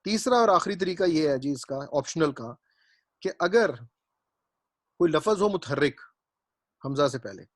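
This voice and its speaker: A man with a fairly high voice teaches Arabic grammar in a classroom lecture, speaking animatedly and pausing often. He works through it step by step, repeating points and checking that his students follow. The recording is dry.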